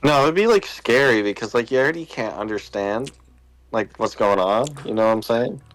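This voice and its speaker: A man's voice: mid-range voice, animated, moderate pace, soft background music. A young man joking and rambling with friends while gaming. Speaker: gamer. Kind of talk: casual gaming banter.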